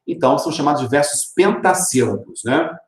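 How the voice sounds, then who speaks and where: A man's voice: fairly high pitch, animated, brisk. A male literature teacher, giving a recorded video lesson in an explanatory way and tagging his points with rhetorical questions. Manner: explanatory, tags lines with rhetorical "né?". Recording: roomy echoey room.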